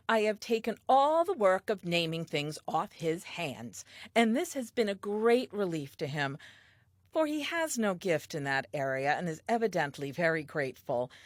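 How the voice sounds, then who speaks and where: An actress in a comic audio play voices a first woman confiding in her diary, coming across as chatty, eager and confident, with an earnest, expressive delivery. Her voice sits on the low side, and the recording is clean studio sound without echo.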